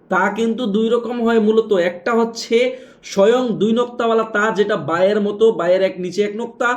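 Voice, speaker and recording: A man teaches Quran reading, spelling out letters and marks slowly, repeating them and quizzing his listeners. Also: high voice. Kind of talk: step-by-step spelling lesson.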